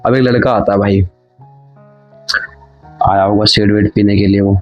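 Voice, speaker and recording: A man's voice: fairly low pitch, steady tone, moderate pace, highs cut off, soft background music. A man telling a comic story in a chatty, casual way, speaking to the listener like a friend. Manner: chatty, addresses listener as brother.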